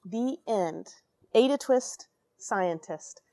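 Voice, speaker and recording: An astronaut, an American woman in her forties, brings a children's picture book to life from a tiny, equipment-filled space station airlock. Her medium-pitched voice is warm and animated, drawing out words with dramatic emphasis and friendly asides to young listeners, and there's no room sound.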